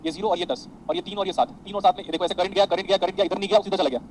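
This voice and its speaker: A man lecturing on electronics to an online class, mixing Hindi and English and calling his students "beta". His voice sits a little high and he talks quickly. Faint traffic noise hums behind him. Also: fairly even intonation, darkish tone, rough recording. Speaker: electronics teacher.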